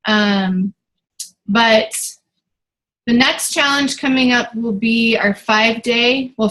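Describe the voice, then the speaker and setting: A woman with a fairly high voice leads a relaxed team meeting as its coach. She talks in a loose, chatty way, full of fillers and false starts. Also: low-quality recording. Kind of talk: casual team meeting talk.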